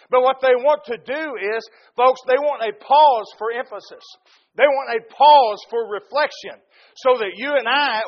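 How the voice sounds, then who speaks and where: High-voiced preacher man, earnest sermon. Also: highs cut off. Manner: earnest, direct address to the congregation; builds emphatic repeated lists.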